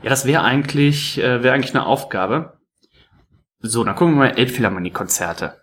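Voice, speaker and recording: Lively chatty man. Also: medium pitch, a little fast. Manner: animated, rambling storyteller. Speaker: podcast host. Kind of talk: casual chat.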